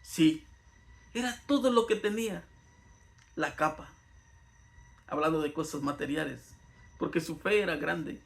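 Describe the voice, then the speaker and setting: A man's voice: fairly high pitch, unhurried, gravelly, pauses often. A man giving an earnest Bible lesson in sermon style, his voice rising and falling for emphasis. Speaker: Bible teacher.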